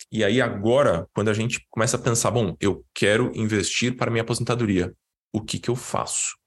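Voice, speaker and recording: His voice fairly low and slightly rough, a Brazilian-accented man teaches finance in a live online class. The lesson is informal and didactic, and he conversationally repeats words to stress them.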